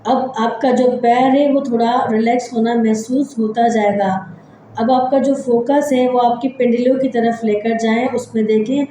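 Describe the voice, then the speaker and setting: A woman hosting a psychology channel, gently leading listeners through a body scan meditation with slow, repetitive step-by-step guidance. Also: fairly high pitch, steady tone, very echoey, a little hiss or hum, rough recording.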